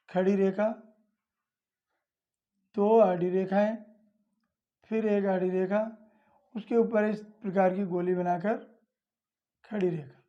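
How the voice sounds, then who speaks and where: Slow, patient woman teaching children. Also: medium pitch, warm tone, muffled recording. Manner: patient, repeats each step plainly. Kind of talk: slow step-by-step lesson for children.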